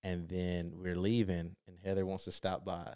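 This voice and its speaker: A man's voice: deep voice, completely flat delivery, darkish tone, smooth, no room sound, clean studio sound. A man in his thirties, a father chatting casually with his wife, telling a trip story in a laid-back way that draws out his words. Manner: laid-back, laughing, slow emphatic storytelling. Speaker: co-host, husband and father. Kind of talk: casual chat.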